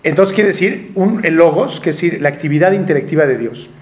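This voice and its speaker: A man's voice: fairly high pitch, brisk, darkish tone. Man lecturing a class in a roomy echo. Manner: explanatory, checks in often with rhetorical questions. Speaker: teacher.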